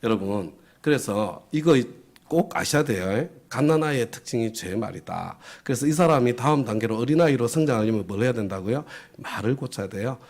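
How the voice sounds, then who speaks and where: A man's voice: medium pitch, brisk. A male pastor preaching a lesson, asking his listeners questions and answering them himself. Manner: lively, asks the audience questions and answers them; acts out little quoted voices for effect. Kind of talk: sermon lesson to a congregation.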